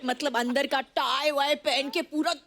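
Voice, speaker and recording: A woman's voice: sits high, fairly even intonation, a little slow, a bit bright. A middle-aged woman from Mumbai, a talk show guest telling a story playfully in Hindi mixed with English. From India (Mumbai). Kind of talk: casual anecdote telling.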